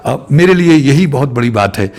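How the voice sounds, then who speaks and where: A man's voice: medium pitch, expressive, normal speed, darkish tone. A man giving a reflective spiritual talk to his viewers, repeating phrases in long lists. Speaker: spiritual speaker.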